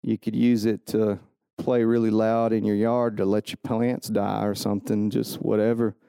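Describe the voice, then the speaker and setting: A man's voice: lowish voice, little pitch movement, moderate pace, vocal fry, mellow, clean tone, no echo, clean studio sound. A man hosting a solo podcast, rambling goofily and joking at his own expense. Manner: self-mocking, goofy, rambling. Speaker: podcast host.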